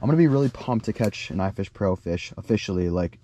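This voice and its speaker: A young man hosting an outdoor fishing vlog, talking in a chatty, upbeat and excitable way into an action camera. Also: fairly low pitch, fast, slight background noise. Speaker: host. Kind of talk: casual outdoor vlog narration. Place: ice fishing shelter and open frozen lake, later a home kitchen. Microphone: handheld or body-worn action camera.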